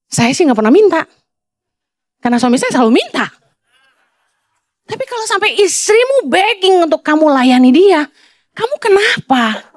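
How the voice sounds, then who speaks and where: A woman's voice: extremely high pitch, very animated, normal speed, pauses often, no echo, studio quality. A middle-aged Indonesian woman pastor preaching bluntly, with scolding asides and a conversational tone. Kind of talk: sermon.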